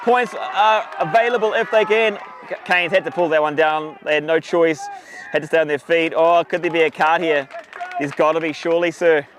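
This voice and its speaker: A man giving live rugby commentary outdoors, chatty and excitable, greeting viewers between plays. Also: on the high side, moderate pace, a faint crowd, a little hiss or hum. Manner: chatty, excitable, gives shout-outs to viewers. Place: outdoors at a sunny rugby ground.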